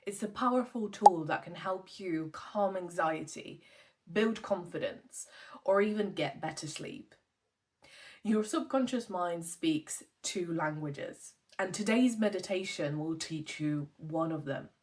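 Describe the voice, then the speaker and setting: A woman mindfulness teacher explains a meditation technique in a gentle, measured voice that sits a little low. She pauses on soft fillers as she talks. Her voice sounds set back from the microphone. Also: distant mic. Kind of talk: calm explanatory talk on meditation.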